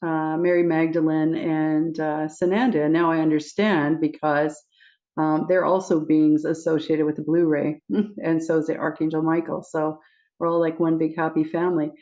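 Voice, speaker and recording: A woman guest casually telling spiritual stories, laughing often and acting out her own quoted lines in a high squeaky voice. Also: moderate pace. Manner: giggly, animated, acts out quotes with high squeaky voice. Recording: dull lo-fi audio.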